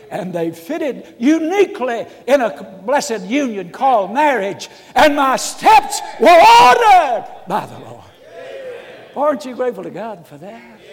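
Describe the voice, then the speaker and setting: A man, preaching a folksy storytelling sermon that swings from hushed asides to loud shouts. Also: high voice. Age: 70s. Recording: reverberant hall.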